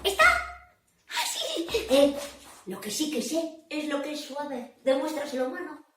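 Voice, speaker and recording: A woman's voice: high-pitched, sing-song, a little slow, background noise. A woman telling stories to children in a library, playful and theatrical, often asking her audience questions. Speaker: children's storyteller. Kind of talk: lively storytelling for children. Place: public library room. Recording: very echoey room, voice from a distance.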